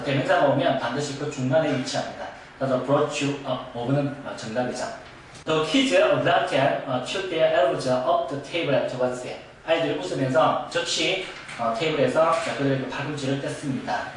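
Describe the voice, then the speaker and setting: A man teaching English grammar in a recorded lecture, explaining step by step and filling pauses with short "ja" and "eo" sounds. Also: mid-range voice, a little hiss or hum. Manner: explains step by step with frequent "ja" and "eo" fillers. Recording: very echoey room, distant mic, faint music.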